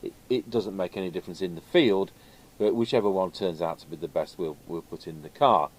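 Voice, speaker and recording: There's distinct background noise as a man with a low-sitting voice talks fairly quickly. He hosts a video and works as a radio technician, giving a casual, rambling, unscripted chat about radio gear.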